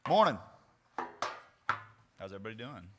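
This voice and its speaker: A man's voice: on the low side, big pitch swings, normal speed, a bit bright. A young man speaking casually to a youth group, rambling and self-deprecating with jokes before turning to a sermon. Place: large meeting room with a crowd. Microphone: handheld microphone. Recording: hall reverb.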